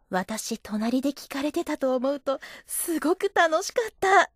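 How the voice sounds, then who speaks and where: A coy, teasing young office wife, acted by a woman in an adult audio drama. Her voice sits high and swoops up and down constantly. The sound is dry and close. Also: animated, takes it slowly, no room sound. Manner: teasing and coy, giggling often. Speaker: voice actress.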